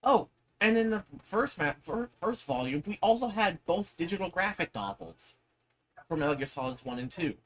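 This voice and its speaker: A man's voice: high voice, very animated, moderate pace, fairly bright tone. A man giving casual, opinionated commentary while gaming, speaking emphatically and swearing freely. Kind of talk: casual chat over gameplay.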